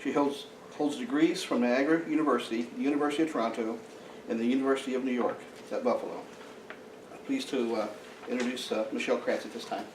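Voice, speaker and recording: Amid heavy background noise, a man with a medium-pitched, fairly even voice presides over a local society meeting, giving announcements and introducing the speaker. He stumbles through frequent uh fillers and restarts, recorded from a distance in an echoey room.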